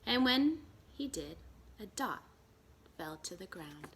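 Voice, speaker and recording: A woman reading a children's storybook aloud as a storyteller, expressive and emphatic. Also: medium pitch, slow pace, very noisy. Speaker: storyteller and school educator.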